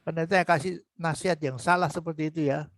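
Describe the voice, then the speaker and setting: A man's voice: fairly high pitch, fairly even intonation, quick pace, fairly bright tone, no echo. A man in his seventies teaching an online Bible class over a video call. He repeats phrases, asks rhetorical questions and addresses students by name. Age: 70s.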